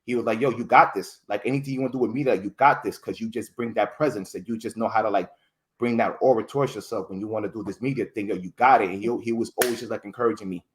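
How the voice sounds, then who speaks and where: A rambling, animated man telling stories. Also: lowish voice, quick pace. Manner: rambling, restarts words often, many fillers; animated storytelling, voices others in quotes. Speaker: podcast guest. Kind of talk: casual interview chat.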